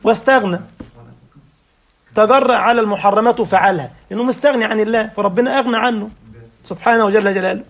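A man's voice: sits high, fast talker, long pauses, fairly bright tone. A man with an Egyptian accent teaching a religious lesson, firing rhetorical questions and checking that his listeners follow. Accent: Egyptian Arabic.

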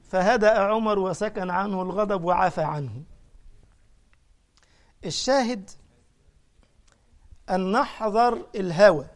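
A high-pitched man with an Egyptian accent delivers a sermon as a sheikh. He tells his stories with animation and keeps turning to the congregation with questions. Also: vocal fry. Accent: Egyptian Arabic. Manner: animated storytelling with questions to the listeners. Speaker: sheikh preacher.

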